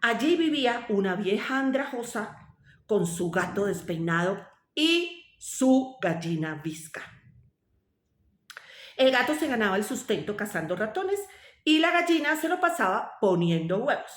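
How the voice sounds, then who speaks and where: Expressive woman reading a tale. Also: on the high side, a little slow. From Colombia. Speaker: storyteller. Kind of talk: read-aloud fairy tale. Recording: roomy echo.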